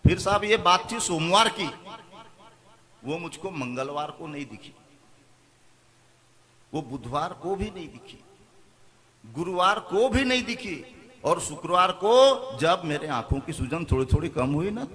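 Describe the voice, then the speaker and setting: High, bright-voiced man telling comic stories. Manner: animated, quick shifts into quoted voices. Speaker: comic poet. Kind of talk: stand-up storytelling.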